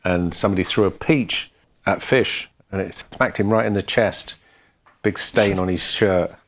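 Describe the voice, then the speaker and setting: In an unhurried, low voice, a man who co-hosts a podcast and plays in a band shares stories about the band. His casual storytelling is dry and matter-of-fact.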